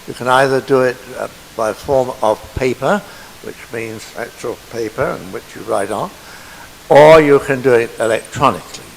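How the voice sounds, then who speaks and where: A man speaking to a church council meeting, halting and full of filler pauses as he presents a petition. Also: mid-range voice, vocal fry, a little hiss or hum, rough recording. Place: meeting hall.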